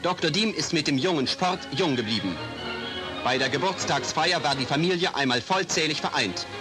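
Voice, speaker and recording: A man's voice: a little high, lively intonation, moderate pace. Man narrating an old newsreel. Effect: old newsreel soundtrack. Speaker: newsreel announcer. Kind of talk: formal 1950s newsreel narration. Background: music.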